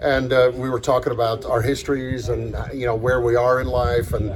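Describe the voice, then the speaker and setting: A man who grew up in Ethiopia, a podcast guest in casual conversation, telling stories in an animated, earnest way, recorded outdoors on a farm. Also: medium pitch, fairly quick, a crowd in the background.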